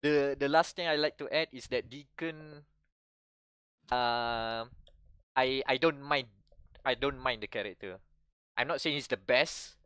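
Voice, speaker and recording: A young man speaks with a Malaysian English accent, in the middle of his range. He rambles at length in a loose, animated way, with frequent restarts. The recording is close and dry, with no room sound. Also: medium pitch, unhurried, long pauses, clear, resonant tone, no echo. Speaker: podcast co-host. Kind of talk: casual chat.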